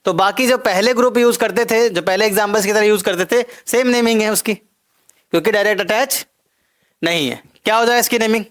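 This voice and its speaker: A male chemistry teacher with a notably high voice talks through a recorded lecture. He builds each point step by step, repeats the key terms and keeps checking that his students follow. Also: a little fast, a bit bright.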